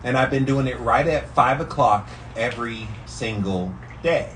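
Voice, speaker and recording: A man's voice: medium pitch, unhurried, a bit bright. American man talking from an ice-cold bath, distant mic. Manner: speaking while sitting in ice-cold water. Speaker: vlogger doing a daily challenge. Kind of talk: casual rambling vlog talk. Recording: distant mic with faint background noise.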